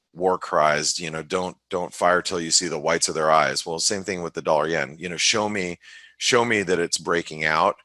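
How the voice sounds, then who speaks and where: Male forex analyst, very low voice with a bright, forceful edge, dry close sound, rambling webinar chat full of restarts. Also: no room sound. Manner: halting, many restarts and fillers, thinks aloud. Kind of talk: casual webinar market commentary.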